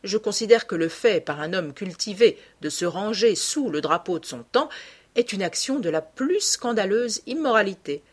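A woman's voice: medium pitch, lively intonation, normal speed, breathy edge. A worldly aristocrat tosses off paradoxes with lazy, mocking ease, as a woman narrator reads his lines. He sounds amused by everyone, never quite serious. It is an audiobook reading. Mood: amused, languid. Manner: languid, epigrammatic, lightly mocking. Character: witty, cynical aristocratic gentleman.

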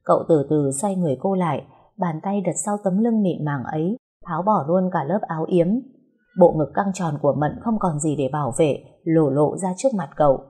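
A woman narrating an audio story in a calm, even manner. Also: sits low, fairly quick, husky.

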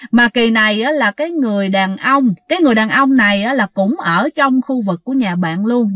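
A woman's voice: on the high side, no room sound, clean studio sound. A woman with a Southern Vietnamese accent telling a ghost story in a chatty way, often addressing her listeners. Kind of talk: casual ghost-story narration.

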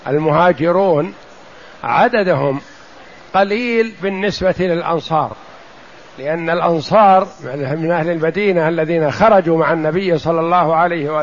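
High-voiced man teaching, lo-fi sound. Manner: explains slowly, repeats phrases and says "yes" to cue the reader. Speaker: sheikh explaining a text. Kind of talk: religious lesson commentary. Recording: dull lo-fi recording.

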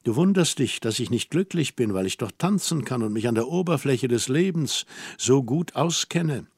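A man's voice: mid-range voice, expressive, normal speed, a little mellow, husky, dry recording, studio quality. A man reading as a teasing worldly young woman. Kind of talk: audiobook character reading.

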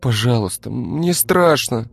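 A man voicing a sharp-tongued, frightened young woman in an audiobook, shrill and cutting. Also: lively intonation, slow pace, creaky, faint music behind, heavily acted. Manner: shrill, pleading then scornful. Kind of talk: audiobook character voice.

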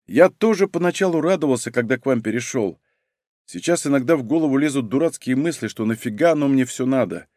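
A man's voice: medium pitch, lively intonation, fast, a little mellow, no room sound, clean studio sound, close to an everyday voice. A man reading aloud, voicing a young male detective who complains and grumbles. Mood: complaining.

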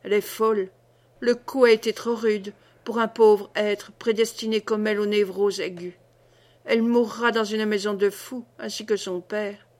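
A woman's voice: medium pitch, fairly even intonation, moderate pace, a little mellow, natural voice. Woman reading a grave male doctor.

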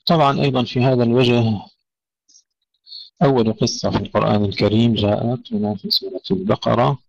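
A man teaching Quran recitation rules, correcting common mistakes and slowly demonstrating the right pronunciations. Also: medium pitch, steady tone, gravelly, dry recording. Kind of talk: tajweed lesson. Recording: dull lo-fi dry recording.

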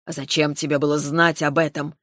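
A woman voicing a short-tempered, protective male dragon who scolds gruffly in an audiobook. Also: low-pitched, little pitch movement, a little fast, fairly bright tone, dry recording, clean studio sound. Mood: angry scolding.

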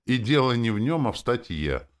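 A man's voice: mid-range voice, big pitch swings, moderate pace, voice pushed up, close to an everyday voice. A man reading an audiobook, voicing a stern, self-assured young male soldier who grumbles and lectures like a know-it-all. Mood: lecturing. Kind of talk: audiobook character voice.

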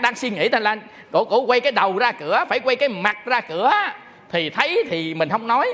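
A man preaches as a Buddhist monk. He tells his stories animatedly, acting out the callers. His voice carries a long hall reverb. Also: sits high. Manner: animated storyteller acting out phone calls. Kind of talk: sermon with storytelling.

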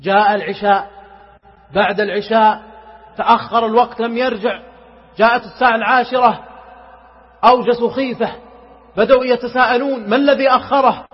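This emotional sermon comes from a man whose voice is extremely high, steady in tone, brisk, and breathy, marked by long pauses. He tells a story dramatically, escalates into impassioned pleading, and occasionally chants verses in a melodic way. A long hall reverb sits on a muffled recording.

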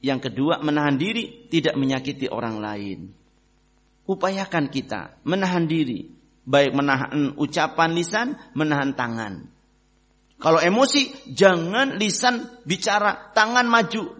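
A man preaching a sermon to his brothers in faith, lively, swinging between loud emphasis and quiet asides, often asking the audience questions. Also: fairly high pitch, moderate pace. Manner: addresses listeners as brothers, asks questions.

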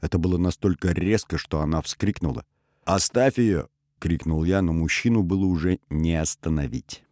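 Deep-voiced man narrating a story. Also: fairly even intonation, brisk, darkish tone, no echo, studio quality. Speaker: audiobook narrator. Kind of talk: first-person scripted narration.

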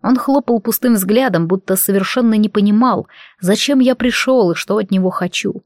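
A woman reading a fantasy audiobook aloud in steady scripted narration. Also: mid-range voice, normal speed, no room sound, studio quality.

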